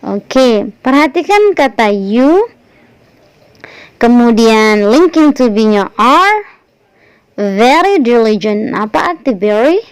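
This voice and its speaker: A woman teaches an online English grammar lesson, patiently walking through each example and slowing down to model the phrases. Her voice sits a little high and comes across smooth and clear. The recording is dry and close. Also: very animated, dry recording, poor audio. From Indonesia.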